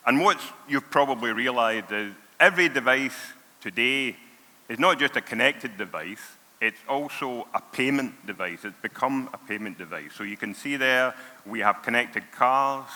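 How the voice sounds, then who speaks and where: A man's voice: medium pitch, lively intonation, moderate pace, bright, forceful tone. A man with a broad Scottish accent giving a conference presentation in an emphatic way, often repeating words for stress. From Scotland. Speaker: conference speaker, payments product lead. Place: on stage in a large hall. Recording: reverberant large hall sound.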